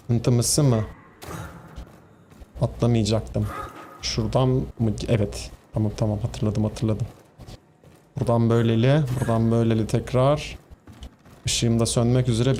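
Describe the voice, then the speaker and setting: A mid-pitched man with a Turkish accent streams a game and keeps up loose, chatty commentary, scolding enemies and joking with his viewers. A faint hiss sits under his voice. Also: mellow. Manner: chatty, talks to the game's enemies and to viewers, laughs easily. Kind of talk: casual gameplay commentary.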